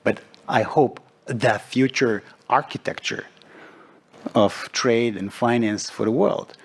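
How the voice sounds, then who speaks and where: A middle-aged man from Serbia speaking as a forum panelist, measured and deliberate, with frequent pauses. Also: medium pitch. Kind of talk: panel discussion remarks.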